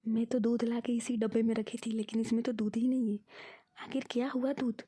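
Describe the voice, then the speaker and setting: A woman's voice: fairly high pitch, little pitch movement, fairly quick, warm tone, husky. A woman voicing a whiny aging woman. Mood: indignant. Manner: complaining, whiny. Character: aging woman who fakes forgetfulness. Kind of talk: cartoon voice acting.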